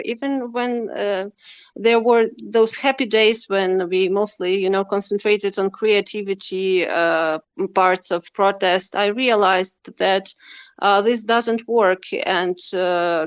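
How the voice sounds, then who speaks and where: A woman's voice: mid-range voice, clean tone, no echo. A woman from western Ukraine, a Russian speaker, answering interview questions as a novelist with many hesitant fillers. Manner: hesitant, heavy use of "uh" fillers. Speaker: novelist guest.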